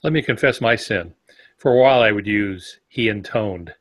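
A man's voice: mid-range voice, fairly quick, no echo. A man co-hosting a podcast, chatting casually in a rambling, self-deprecating way.

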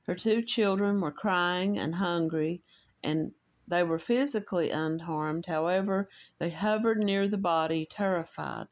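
A woman with an Appalachian accent and a lowish voice hosts a true crime show, reading case notes in a measured, slightly halting way and dropping in personal asides.

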